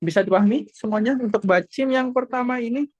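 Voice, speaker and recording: A woman teaching a class over a video call, explaining slowly, repeating points and checking that everyone understands. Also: a little high, darkish tone, breathy edge, no room sound, muffled recording. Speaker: Korean language teacher. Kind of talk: online class lesson.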